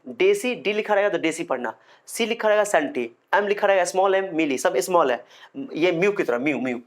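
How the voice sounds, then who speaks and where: A man's voice: mid-range voice, fairly bright tone. A man giving a physics lecture at a board, repeating key points emphatically and having students say terms back after him. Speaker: physics teacher.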